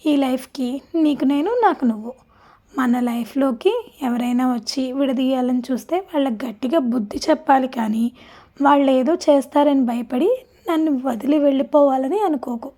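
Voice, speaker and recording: A woman's voice: sits high, normal speed, dark tone. A woman reading as a tender young husband. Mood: earnest.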